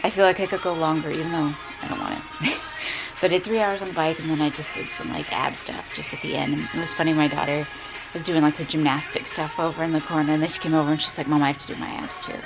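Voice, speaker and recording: Chatty woman vlogger, low voice. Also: fairly even intonation, quick pace, vocal fry, music in the background, poor audio. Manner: chatty, with frequent "like" fillers. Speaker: vlogger training for a triathlon. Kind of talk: casual vlog talk to camera.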